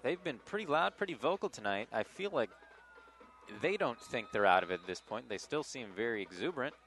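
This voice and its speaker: Guy doing color commentary, calm and analytical, mid pitch, faint noise outside. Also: brisk. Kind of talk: sports color commentary and promo reads. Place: outdoor high school football stadium.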